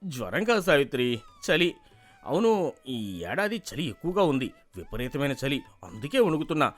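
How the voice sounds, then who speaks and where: An actor playing a cowardly, boastful middle-aged village man in an animated story, who blusters and then whimpers. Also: fairly high pitch, normal speed, faint music behind. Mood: sheepish excuses.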